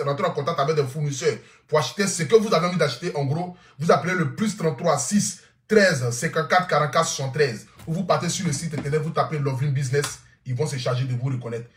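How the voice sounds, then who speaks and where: A man, hosting a live stream and pitching sponsor products in an insistent way, slowly repeating phone numbers. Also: fairly bright tone. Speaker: live stream host reading sponsor ads. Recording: roomy echo.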